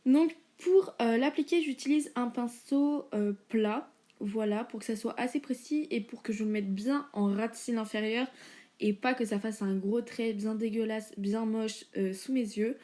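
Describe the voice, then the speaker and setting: A woman's voice: fairly high pitch, moderate pace, mellow. A young woman chatting casually through a makeup tutorial, with many fillers and informal slang. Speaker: beauty vlogger.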